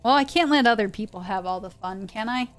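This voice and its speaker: A woman hosts a livestream read-along of pulp science fiction, chatting casually in English, which is her second language. Her medium-pitched voice runs a little fast, playful and rambling, and she breaks into sound imitations. Faint music plays in the background.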